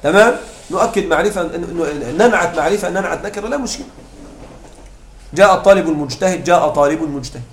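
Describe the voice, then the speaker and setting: Speaking notably high for a man, a teacher walks his class through grammar with repeated examples, stopping to ask if they understand. The room's echo is clear, with slight background noise underneath.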